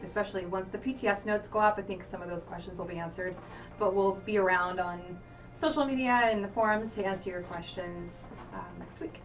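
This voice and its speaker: A woman's voice: mid-range voice, brisk. A woman co-hosting a livestream, friendly as she thanks viewers and gives reminders. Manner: friendly, wraps up the show. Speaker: livestream co-host. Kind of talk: casual livestream chat with announcements. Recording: distant mic with faint room noise.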